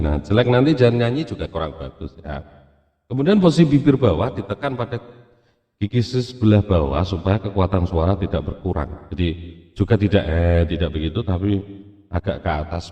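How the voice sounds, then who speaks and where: A man teaching an arts and culture lesson in a relaxed, chatty way, with asides and little laughs. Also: low voice. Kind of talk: recorded classroom lesson. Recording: dull lo-fi sound with long reverb.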